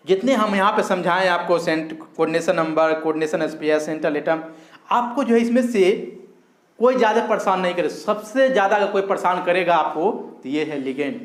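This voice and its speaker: A man's voice: high-pitched, reverberant. A male chemistry teacher giving a lecture, repeating each key term as a question and answering it, and calling his students fondly. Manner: repeats key terms as call-and-response questions; addresses students fondly, drawn-out emphasis. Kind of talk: recorded classroom lecture.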